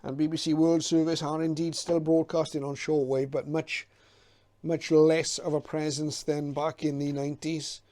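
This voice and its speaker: A middle-aged man presents informally and without a script, his mellow, soft-edged voice sitting slightly high. He keeps a very level tone with little pitch movement, pausing and hesitating like a hobbyist recalling things.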